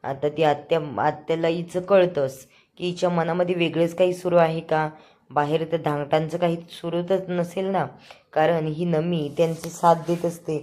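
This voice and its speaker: A woman's voice: low voice, steady tone, moderate pace, a little mellow. A woman casually retelling a TV serial episode in a chatty storytelling way, reading out the characters' lines with small lifts in her voice. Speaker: serial recap narrator.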